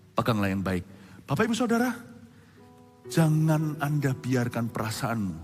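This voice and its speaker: A male pastor preaching a sermon in an animated way, acting out other people's voices. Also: fairly high pitch. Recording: reverberant hall with faint music.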